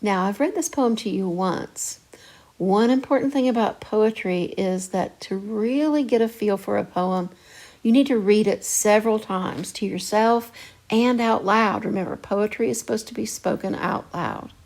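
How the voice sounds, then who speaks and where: In a rough-sounding recording, a woman teaches English to children over video at an ordinary pace. Her mid-range voice stays animated and chatty, and she stresses points by saying them again.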